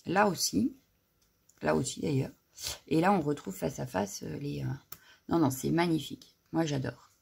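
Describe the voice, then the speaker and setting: On the low side, creaky and slightly rough: that's the voice of this middle-aged crafting vlogger. Showing her craft purchases in a casual haul, she chats with many fillers and frequent "voilà," a slight frog in her throat.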